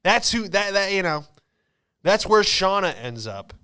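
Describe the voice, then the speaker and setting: A man's voice: sits high, big pitch swings, measured pace, bright, forceful tone, clear, resonant tone. A man in his late twenties with an American accent, a podcast host telling comic stories in a casual, slangy, rambling way. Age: late 20s. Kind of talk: comedic storytelling.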